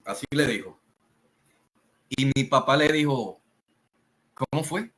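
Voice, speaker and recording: A man with a Puerto Rican Spanish accent telling a family story in a slow, rambling way, full of fillers and restarts. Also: medium pitch, a bit bright, rough recording. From Puerto Rico. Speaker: channel host. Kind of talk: casual storytelling monologue.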